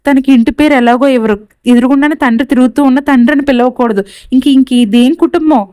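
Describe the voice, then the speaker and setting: A woman's voice: high voice, fairly even intonation, fast talker, dry recording, close to an everyday voice. A woman doing an angry accusing young mother. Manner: sharp, accusing questions.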